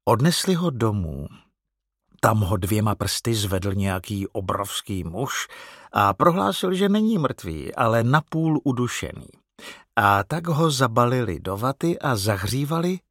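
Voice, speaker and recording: A man narrating a storybook in an expressive, animated reading. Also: on the low side, dry recording, studio quality.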